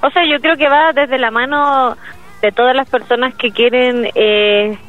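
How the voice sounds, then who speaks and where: On a dry, tinny call that sounds like a phone line, a solo musician with a Chilean accent discusses her project as a guest in a casual interview. Her voice is high and steady, her pace measured. She hesitates a lot, filling gaps and restarting sentences.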